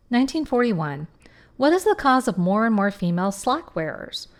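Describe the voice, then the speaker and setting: Woman, history channel host, reads old article quotes, sarcastic asides. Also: medium pitch. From rural upbringing. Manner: sarcastic asides between quotations. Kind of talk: reading and commenting on old articles.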